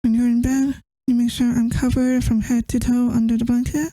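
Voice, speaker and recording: A woman's voice: fairly high pitch, little pitch movement, normal speed, dry recording, lightly acted. A woman playing a tired, affectionate girlfriend who misses her partner, in a tender, intimate ASMR role-play. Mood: tender, longing. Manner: tender, intimate, soft-spoken.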